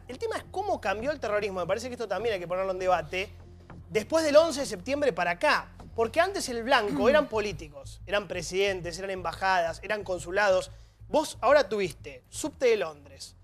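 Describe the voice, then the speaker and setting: A man with a Rioplatense accent, hosting a televised panel discussion in a studio and reeling off facts one after another. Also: sits high. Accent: Rioplatense Spanish. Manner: lists facts in quick succession. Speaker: panel show host.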